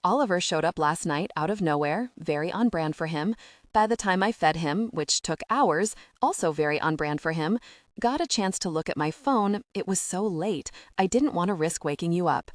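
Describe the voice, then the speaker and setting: A reserved, gentle man whose text messages are read aloud in an understated voice, as a woman narrator reads his lines. The audiobook recording is dry and close. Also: fairly low pitch, animated, normal speed, no room sound, natural voice. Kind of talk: audiobook character reading.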